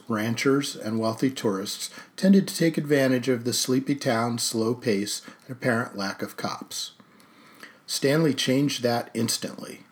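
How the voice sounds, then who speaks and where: A man narrating a story in a steady, even storytelling manner. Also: medium pitch. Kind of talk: audiobook narration.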